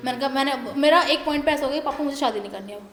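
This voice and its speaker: Fast-talking high-voiced young woman. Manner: animated, laughs while telling a personal story. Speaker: interview guest. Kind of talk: casual storytelling in an interview. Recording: echoey room with faint background noise.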